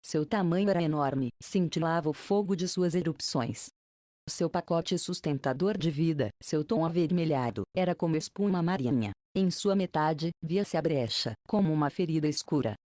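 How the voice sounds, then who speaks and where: Woman, audiobook narration of an epic, measured and formal, low voice, dry sound. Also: dark tone, no room sound. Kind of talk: scripted narration of an ancient epic.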